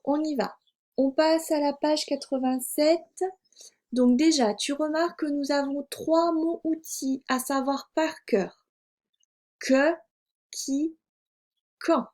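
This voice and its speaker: A first-grade teacher with a high, slightly mellow voice leads young children through a reading lesson. She speaks patiently, repeating words and spelling them out letter by letter for dictation.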